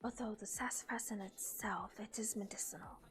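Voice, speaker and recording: A woman speaking softly and breathily in character, hesitant and formal in her phrasing. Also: mid-range voice, brisk. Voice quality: soft and whispery. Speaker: roleplaying herbal tea expert. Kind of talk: casual in-character roleplay chat.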